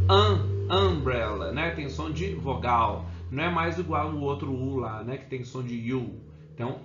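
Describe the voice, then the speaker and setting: Brazilian male teacher, slightly high voice, chatty, roomy lo-fi recording. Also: fairly bright tone, a little hiss or hum. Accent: Brazilian Portuguese. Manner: chatty, keeps checking in with the class. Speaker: English teacher. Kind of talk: casual online lesson. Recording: roomy, dull lo-fi sound.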